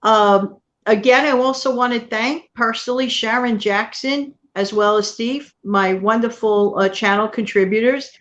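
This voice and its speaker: A woman from New York City hosting a casual livestream chat, talking warmly and at length to her viewers and co-host. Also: on the high side, moderate pace, few pauses, dull audio. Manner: chatty, warm thanks to viewers and co-host. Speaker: channel host.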